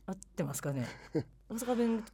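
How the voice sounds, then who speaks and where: A woman's voice: mid-range voice, animated, mellow, slightly rough, no echo. A woman co-hosting a casual radio talk show, chatty, agreeing often and laughing easily. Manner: quick, chatty, frequent agreeing backchannels and laughter.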